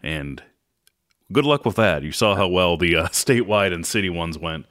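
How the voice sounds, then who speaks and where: Deep-voiced man, dry and sarcastic. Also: expressive, normal speed, fairly bright tone, dry recording. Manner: dry, sarcastic, lots of uh fillers. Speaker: podcast co-host. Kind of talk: casual chat.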